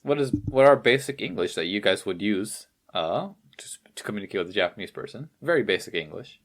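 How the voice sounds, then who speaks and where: Easygoing low-voiced man co-hosting a podcast. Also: expressive, a little fast. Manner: easygoing, agreeable, many fillers. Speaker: podcast co-host. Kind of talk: casual podcast chat.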